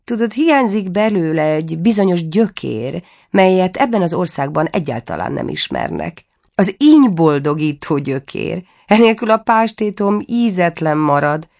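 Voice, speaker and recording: A woman voicing a smug, amused gentleman guest in a storybook reading. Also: fairly low pitch. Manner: amused, condescending.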